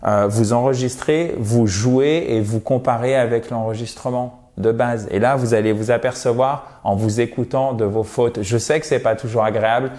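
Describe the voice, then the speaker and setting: A man's voice: mid-range voice, fairly even intonation, warm tone. Male teacher giving a video lesson on pronunciation, encouraging and direct with viewers. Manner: slow, drawn-out English model words.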